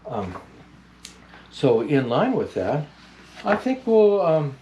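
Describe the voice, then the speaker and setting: Kindly, unhurried Santa Claus, played by a man. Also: on the high side, very animated, lo-fi sound. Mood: friendly, rambling. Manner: halting, unhurried, gentle, many hesitations. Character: jolly old Santa Claus, kindly storybook host. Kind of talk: picture book reading with rambling chat.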